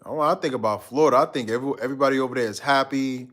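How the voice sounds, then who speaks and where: Rapid-fire delivery marks this livestream host, a man from Guyana with a mid-range, fairly bright voice. He chats with viewers in a slangy, rambling way and reads out their comments.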